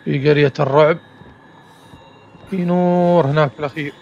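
Creaky-voiced man narrating a horror game. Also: on the high side, fairly even intonation, a little fast, darkish tone, muffled recording. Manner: talks himself through each step with nervous exclamations. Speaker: gamer. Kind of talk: horror game let's play commentary.

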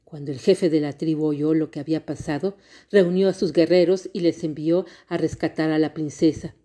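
A woman storyteller reading a folk tale aloud with expressive, dramatic narration. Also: deep voice, moderate pace.

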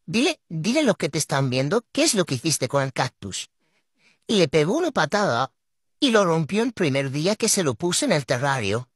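Here a vlogger uses a voice changer that makes them sound like the opposite gender, scolding their pet for the camera in a fed-up, mock-dramatic tone. Their medium-pitched voice has a breathy edge. It's a dry recording with clean studio sound.

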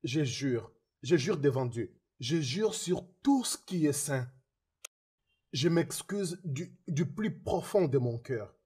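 A husky, pleading penitent. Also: male voice, a little high, expressive, slow pace, dark tone, heavily acted. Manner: pleading, repeating apologies, swearing oaths. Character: remorseful man begging a friend's forgiveness. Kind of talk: French dub of a film.

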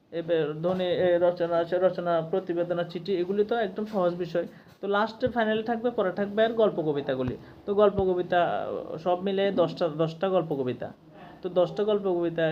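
A male teacher giving an exam-prep grammar lesson in a conversational way, often checking in with his students. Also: high voice. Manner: conversational, often asks "ঠিক আছে?" to check understanding. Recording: slightly dull lo-fi recording with faint noise.

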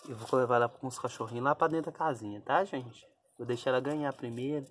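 A man's voice: medium pitch, quick pace, a little hiss or hum. A man films his dog giving birth, talking to her in soothing baby talk that often drops to a whisper. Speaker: dog owner filming a birth. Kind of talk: casual vlog narration.

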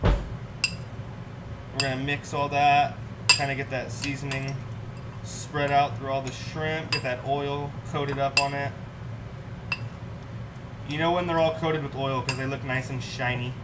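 A young man hosts a home cooking livestream, prepping food in his kitchen and chatting casually with viewers in the chat. His medium-pitched voice has little pitch movement and runs a little slow with frequent pauses. The mic is distant, picking up clear room noise.

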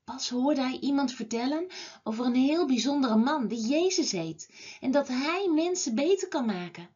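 A woman teaching a children's Bible class, telling a story to children in an expressive way. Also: high-pitched, husky, dull audio. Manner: slow, expressive, lively telling.

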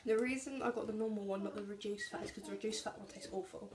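In an echoey small home kitchen with background noise and crowd noise, a young woman vlogger chats through her grocery haul, reading labels and calorie counts to a camera at arm's length. She's a young adult with a medium-pitched, steady voice and a quick pace.

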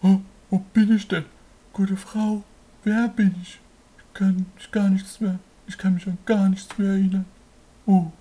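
Man as a dim, husky, plaintive puppet boy. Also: sits high, little pitch movement, warm tone. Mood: dazed. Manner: plaintive, slow puppet-show pleading. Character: bewitched, dim, helpless schoolboy puppet. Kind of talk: children's puppet show.

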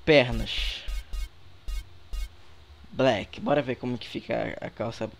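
Young brazilian dude on a headset, laid-back gameplay chatter, talks to the viewers like friends. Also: male voice, mid-range voice, takes it slowly, gravelly, soft background music. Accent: Brazilian Portuguese. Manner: relaxed, slangy, chatty with viewers. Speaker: gaming youtuber. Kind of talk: casual gameplay commentary. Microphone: headset microphone.

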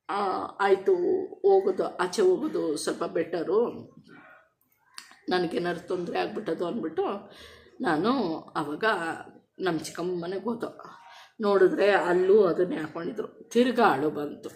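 A woman's voice: lowish voice, a little mellow, a little hiss or hum. Woman vlogger talking straight to camera, emotional, keeps asking herself why. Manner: emotional, rhetorical questions. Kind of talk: personal storytelling.

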